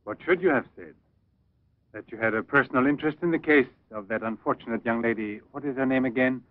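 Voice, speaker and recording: An actor playing a possessive, obsessed male scientist, speaking in a measured, persuasive way in an old English film dub. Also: mid-range voice, no echo, natural voice. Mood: suave. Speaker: professor. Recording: dull, dry old film soundtrack.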